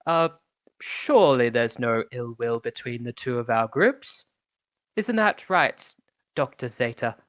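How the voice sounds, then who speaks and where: A man's voice: medium pitch, lively intonation, unhurried, fairly bright tone, dry recording. A man, running a tabletop game, voicing a polite and fussy male butler robot who talks in a prim, courteous way. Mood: placating. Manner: prim, smooth-talking and courteous.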